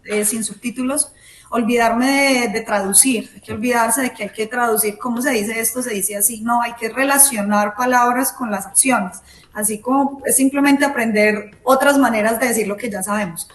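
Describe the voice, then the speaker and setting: A woman's voice: on the high side, normal speed. A woman, a guest in a casual interview, who explains things step by step and gives examples. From Latin America. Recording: echoey room.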